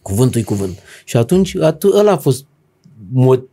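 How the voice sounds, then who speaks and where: A middle-aged man, a business owner and professor, talking as a podcast guest in a blunt, slangy, animated way, acting out old conversations as he tells them. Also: mid-range voice. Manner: animated storyteller, blunt slangy speech, acts out dialogue. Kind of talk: casual conversational interview.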